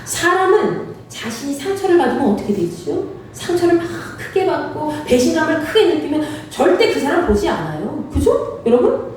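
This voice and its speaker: A woman's voice: sits high, big pitch swings, moderate pace, a little mellow, a little hiss or hum. A woman pastor preaching a sermon, asking the congregation questions and acting out the quoted lines. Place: church sanctuary. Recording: very echoey hall, voice from far off.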